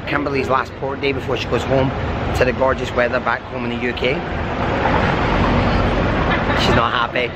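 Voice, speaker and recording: A man's voice: mid-range voice, level tone, normal speed, pauses often, very noisy. A man talking casually to his vlog viewers in an upbeat, enthusiastic way, like a cruise director.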